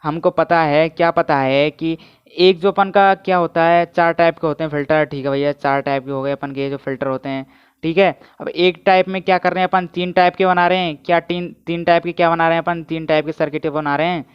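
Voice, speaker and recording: Energetic physics teacher, flat tone. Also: male voice, on the high side, brisk, clear, resonant tone. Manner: keeps asking students to answer and comment. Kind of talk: energetic online lecture. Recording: dull, muffled lo-fi audio.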